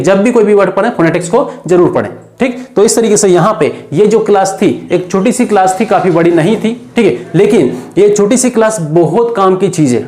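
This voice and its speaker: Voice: mid-range voice, darkish tone. An online exam-prep teacher giving a recorded video lesson, patiently drilling word sounds and constantly checking in with the viewer. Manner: patient, drills pronunciation with repeated "okay" checks; asks questions then answers them.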